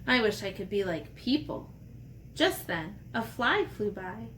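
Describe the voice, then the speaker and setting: A woman's voice: medium pitch, sing-song, unhurried, a bit bright, slight background noise. A woman teacher talking to children in simple, playful, step-by-step language, as in a read-aloud and drawing lesson. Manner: simple, child-directed explanations with playful asides. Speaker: elementary art teacher.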